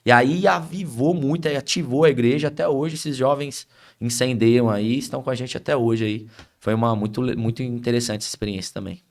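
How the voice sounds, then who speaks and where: A man's voice: medium pitch, brisk. A man with a Brazilian Portuguese accent, an itinerant pastor telling ministry stories in a podcast conversation.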